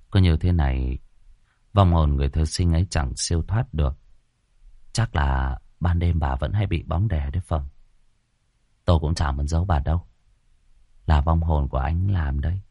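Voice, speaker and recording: A man voicing a cold, calm young man who sees ghosts and speaks quietly, in a horror audiobook. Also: very deep voice, no room sound, highs cut off, voice pushed down, full character voice.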